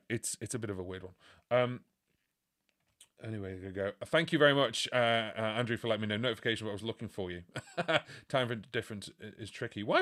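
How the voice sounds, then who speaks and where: A man's voice: mid-range voice, a bit bright. A man in his forties from the UK, casually chatting on a music live stream and answering viewer questions with lots of fillers. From United Kingdom. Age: 40s.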